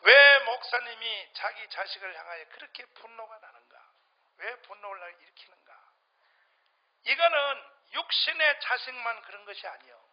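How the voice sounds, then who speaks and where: A middle-aged man preaches to a church congregation in a strikingly high voice. He swings from shouted outbursts to low, muttered asides. The dull, lo-fi sermon recording sounds muffled. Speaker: pastor.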